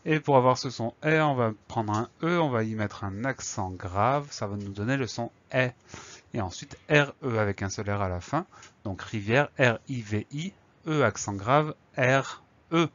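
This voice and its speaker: A man's voice: medium pitch, moderate pace, a bit bright, lo-fi sound. A man teaching a spelling lesson, spelling words out letter by letter and explaining each one patiently before a dictation.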